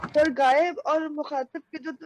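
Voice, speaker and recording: A woman's voice: sits high, steady tone, a little slow. A woman student answering her teacher's grammar questions, hesitant and unsure. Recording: dull distant recording with faint noise.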